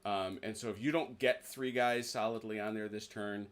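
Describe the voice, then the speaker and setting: A man hosting a video call casually teaches the players the rules of a tabletop wargame, chatty and full of restarts and "uh"s. His voice is on the low side, with fairly even intonation and a moderate pace.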